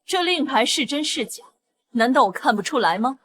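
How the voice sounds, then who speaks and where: A woman's voice: high voice, lively intonation, normal speed, a bit bright. An actress playing a stern, commanding chairwoman, eldest daughter of a powerful family.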